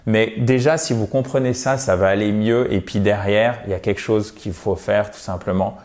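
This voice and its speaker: A man's voice: lowish voice, steady tone, darkish tone. Male teacher giving a video lesson on pronunciation, encouraging and direct with viewers. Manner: slow, drawn-out English model words.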